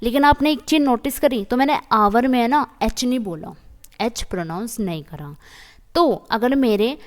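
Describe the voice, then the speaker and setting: A woman teaches English grammar, patiently repeating each point and asking her viewers questions. She speaks slowly in a somewhat high voice and reads the example sentences deliberately. Her voice carries a long reverb, as if she is recorded in a hall. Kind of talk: Hindi-English grammar lesson.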